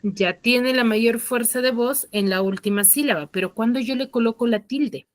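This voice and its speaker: Teaching a class online, this woman asks her students a steady stream of questions and explains carefully, slowly, and with emphasis. The voice sits a little high, and there's no echo.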